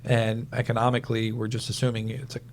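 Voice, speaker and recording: A man co-hosting a retirement planning show, explaining rules step by step with worked examples in a steady, methodical way. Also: mid-range voice, quick pace, a little hiss or hum. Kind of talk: explanatory podcast talk.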